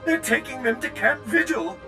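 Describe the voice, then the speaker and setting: An actor playing a prim, fussy male servant droid in a video game, with a polished, too-smooth android delivery. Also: extremely high pitch, moderate pace, over music. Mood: urgent. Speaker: game character.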